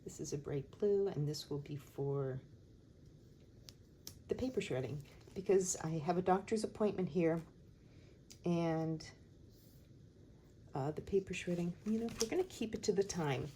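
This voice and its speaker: A woman chatting casually and thinking aloud in an unhurried, musing way as she hosts a planning session. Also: fairly low pitch, warm tone, a little hiss or hum. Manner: unhurried, musing, talks to herself while working. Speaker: host of a planner decorating video.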